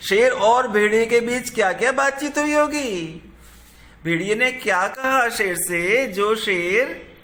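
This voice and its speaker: Indian male teacher, higher voice, unhurried, repeats each phrase for young pupils. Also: pushed and bright. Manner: repeats phrases slowly, asks and answers his own questions. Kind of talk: textbook lesson explaining to children.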